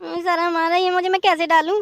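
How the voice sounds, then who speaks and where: A woman's voice: high-pitched, steady tone, a little fast, a bit bright, no room sound, clean studio sound. A woman voicing a lazy, grumbling young bride in a comic cartoon, whiny and theatrical with wailing exclamations.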